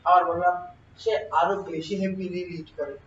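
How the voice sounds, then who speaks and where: A man gives a classroom grammar lesson in a high voice, often putting questions to the class and answering them himself. He is recorded from a distance in a roomy space. The sound is dull and lo-fi, with a faint hiss behind him. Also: little pitch movement, brisk. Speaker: exam prep teacher.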